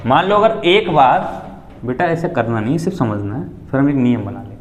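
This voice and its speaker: Lively male maths teacher in echoey classroom. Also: medium pitch, a little fast. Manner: addresses students as beta, asks them questions.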